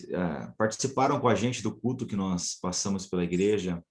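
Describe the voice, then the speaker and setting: A male missionary telling his church about his calling in an earnest, measured way. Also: low voice, a little mellow. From São Paulo state, Brazil. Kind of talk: church testimony.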